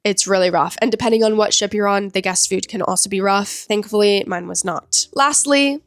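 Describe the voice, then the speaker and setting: A woman's voice: mid-range voice, moderate pace, no room sound, studio quality. A young American woman in her twenties, a musical theatre performer chatting candidly in a casual vlog, her nose stuffy from a cold and her talk full of "like" fillers. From United States.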